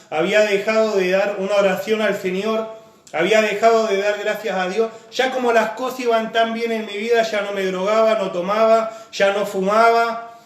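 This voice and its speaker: A man's voice: high-pitched, echoey room. A man preaching a sermon, earnest and full of repeated phrases and lists as he shares his own testimony.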